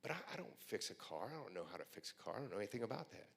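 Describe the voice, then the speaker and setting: A man's voice: fairly low pitch, big pitch swings, very fast, vocal fry. A man who is a pastor, telling earnest, emotional stories to a room at a breakfast event. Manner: earnest storyteller, quiet and emotional at times. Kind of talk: heartfelt speech at a breakfast event. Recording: long hall reverb.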